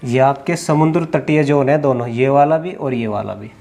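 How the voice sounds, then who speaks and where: A man teaching a lesson, explaining step by step, asking questions and answering them himself, drawling names slowly as he writes. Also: mid-range voice, vocal fry, mellow. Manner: drawls place names slowly while writing. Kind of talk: classroom lecture at a board. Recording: faint background noise.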